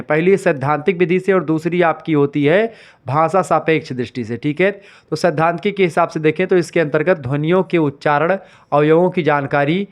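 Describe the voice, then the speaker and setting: A man teaching an exam revision lecture, explaining step by step, repeating key terms and checking that students follow. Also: on the high side.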